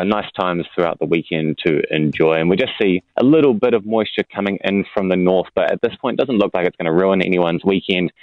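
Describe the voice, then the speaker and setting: Fast-talking, low-voiced New Zealand man. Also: dry recording, narrow, tinny audio. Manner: informal, explanatory. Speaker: weather forecaster. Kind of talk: radio weather interview, conversational.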